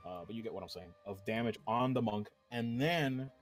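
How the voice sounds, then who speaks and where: A man leading a game raid over voice chat, explaining strategy in a halting, rambling way with casual swearing. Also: lowish voice, faint music behind. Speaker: raid leader.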